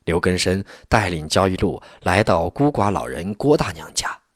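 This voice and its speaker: A man's voice: sits low, moderate pace, dry recording, studio quality. A man narrating a story expressively and acting out all its people. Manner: expressive, acts out every figure.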